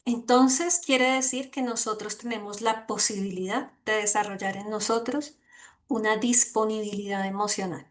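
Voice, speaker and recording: A woman giving an online lecture as a course instructor, earnest and gently emphatic, often checking in with her listeners. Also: medium pitch, fairly even intonation, moderate pace.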